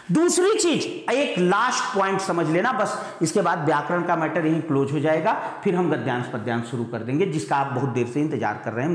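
A male teacher drills his students with question after question, fondly calling them "beta". He stretches each example sentence out word by word so no one can miss it. His voice booms around a very echoey room with a long, ringing reverb. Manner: slows right down to spell out example sentences. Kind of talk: online exam-prep grammar lesson.

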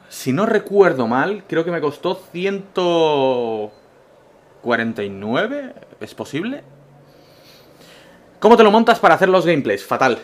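A man from Spain, a gaming YouTuber, answering viewer questions in a casual vlog with absurd jokes and a Spanish accent. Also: medium pitch. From Castellón, Spain. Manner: joking, absurd humor, swings between loud bursts and mumbled asides.

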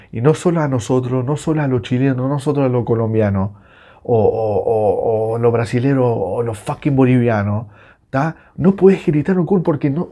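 A Uruguayan man with a Rioplatense accent, reacting live to a football match with excitable, swearing rants. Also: mid-range voice. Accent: Rioplatense Spanish. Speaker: football fan reacting on his channel.

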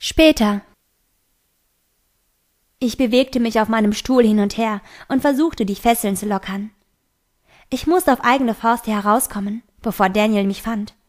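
A woman reading a novel aloud in steady first-person storytelling. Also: a little high, unhurried, pauses often. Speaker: audiobook reader.

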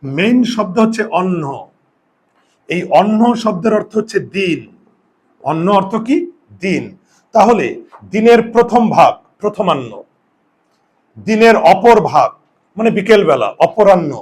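Husky high-voiced male Bengali teacher. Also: expressive, measured pace, pauses often. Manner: explains step by step, asks and answers his own questions. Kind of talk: classroom spelling lesson. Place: classroom with students present.

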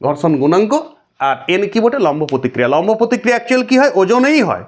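High-voiced fast-talking male teacher. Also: sing-song. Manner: explains with rhetorical questions to students. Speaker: physics teacher. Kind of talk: classroom lecture.

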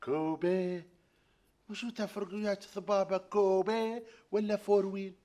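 A man playing the boastful comic lead of a sitcom, quick to rant. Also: sits high, fairly even intonation, warm tone. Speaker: comedy lead. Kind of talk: sitcom acting.

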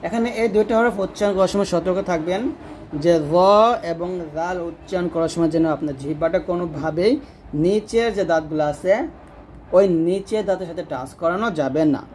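A man who teaches Quran recitation leads a patient lesson on letter sounds, pronouncing each slowly and repeating it for the learner to copy. His voice is a little high for a man, with a darkish tone, and there's slight background noise.

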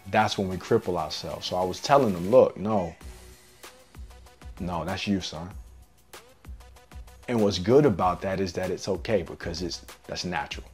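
A man's voice: sits low, a little mellow. A man giving a casual, earnest devotional sermon in a conversational, slangy way.

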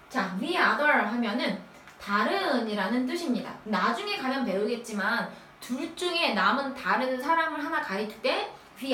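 High, lively woman teacher, echoey room. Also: distant mic, slight background noise. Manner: asks quick questions and answers them herself, drilling step by step. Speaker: middle school English teacher. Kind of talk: recorded lecture.

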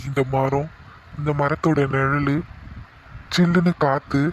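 A man voicing a playful young husband in an animated cartoon, teasing and coaxing his wife. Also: on the high side, takes it slowly, slight background noise.

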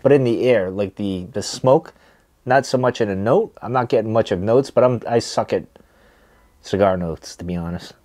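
A man's voice: on the low side, moderate pace, darkish tone. Laid-back man chatting casually between cigar puffs. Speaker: cigar and pipe tobacco reviewer. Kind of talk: casual chat to camera. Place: small wood-paneled room, indoors.

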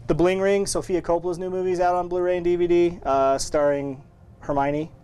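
A man's voice: high voice, level tone, fairly quick, dark tone, smooth. A man hosting a casual weekly store update, talking loosely about new movie releases with fillers and restarts. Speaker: record store host.

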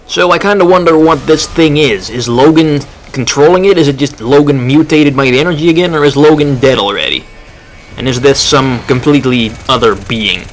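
A man's voice: mid-range voice, a little fast, slight background noise. A man giving casual, wry commentary as he plays a video game. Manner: offhand, wry. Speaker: let's play commentator. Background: game music.

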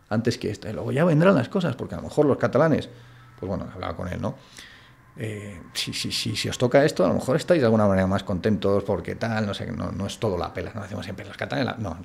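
A man's voice: on the low side, gravelly, a little mellow. A man from Spain with a Madrid accent, a guest in an interview, talking bluntly and colloquially. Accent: Spanish from Madrid. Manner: blunt, colloquial, full of "tío" and "macho". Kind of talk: casual interview chat.

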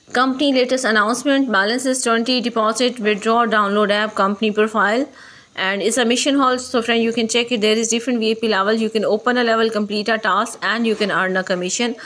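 A woman's voice: on the high side, fairly bright tone. A woman hosting her channel, walking viewers through a website step by step in non-native English, calling them friend again and again. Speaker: YouTube channel host. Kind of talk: screen-recorded tutorial walkthrough. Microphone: voice-over on phone screen recording.

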